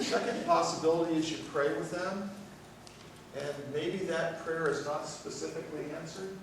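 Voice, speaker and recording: An older male pastor preaching in a folksy, storytelling way, his voice a little higher than most men's. It was recorded from far back in a very echoey church, and noisy room sound hangs behind him. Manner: folksy storytelling with light humor. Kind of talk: sermon. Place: church sanctuary.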